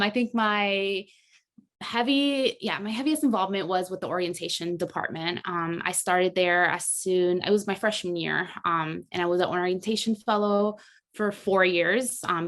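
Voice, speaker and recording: A woman's voice: fairly low pitch, fairly bright tone. A woman in her twenties, originally from Colombia and raised in South Florida, answering interview questions in a modest, reflective way. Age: 20s. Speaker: guest, graduate student.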